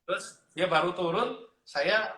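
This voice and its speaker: A man telling a personal story in a casual interview, lively, acting out other people's voices as he goes. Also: sits high, a little slow, a crowd in the background, poor audio. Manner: animated, acts out the voices of his parents. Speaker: interview guest sharing life story.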